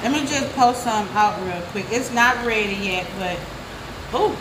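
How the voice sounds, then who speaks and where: A young woman talks straight to her viewers as she cooks, in a voice set a little high. Her phone at arm's length catches the echo of the kitchen and plenty of noise around her. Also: lively intonation, measured pace. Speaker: vlogger cooking at home. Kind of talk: casual cooking vlog. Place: home kitchen. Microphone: phone held at arm's length. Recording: echoey kitchen, background noise.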